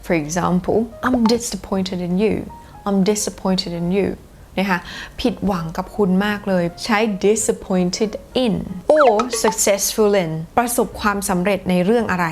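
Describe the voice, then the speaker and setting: A Thai woman with a Thai accent teaching a bilingual grammar lesson, saying each example sentence slowly and repeating it. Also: medium pitch. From Thailand. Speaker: English teacher.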